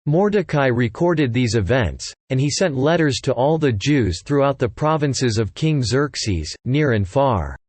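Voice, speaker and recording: A man reads scripture aloud at a steady, measured pace. His voice sits at an ordinary middle pitch, and the recording is close and dry, with no room sound. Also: slightly rough, dry recording. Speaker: Bible reader. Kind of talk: scripture reading.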